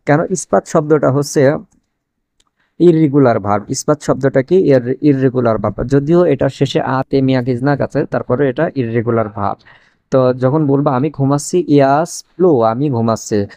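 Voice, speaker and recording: A man teaching a language lesson, repeating each phrase slowly and translating it word by word. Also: mid-range voice, mellow, no echo. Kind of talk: casual spoken lesson.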